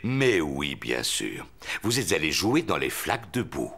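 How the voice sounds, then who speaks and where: A man's voice: rumbling low, huge pitch swings, measured pace, pushed and bright, slight background noise, exaggerated voice. A man voicing a jolly, proud and clumsy father pig in a French cartoon dub, cheerful and self-assured. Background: background music.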